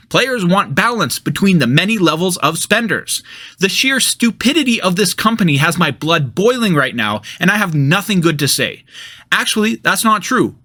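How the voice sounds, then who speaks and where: Guy doing a sarcastic escalating comedy rant about gaming, fed up, higher voice, swings up and down, dry close sound. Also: sharp tone, dry recording. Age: adult, parent of a toddler. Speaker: gaming content creator. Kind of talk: scripted rant commentary.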